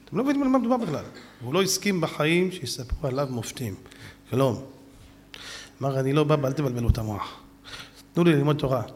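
A man preaching a sermon and telling stories, acting out the people in them and often shouting. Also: a little high, big-room sound. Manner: animated storyteller who acts out quotes, often shouting.

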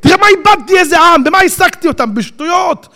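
A man voicing Pharaoh, a king who wails and shouts in regret over the slaves he wasted. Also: very high-pitched, animated, pitched above the performer's own voice, full character voice. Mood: wailing lament. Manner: shouting, lamenting, rapid outbursts. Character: wailing male Pharaoh regretting his lost slaves.

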